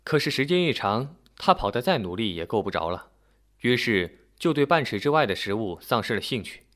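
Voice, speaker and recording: A man's voice: mid-range voice, sing-song, a little fast, fairly bright tone. A man voicing a busy young man who explains things in a matter-of-fact way. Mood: explaining.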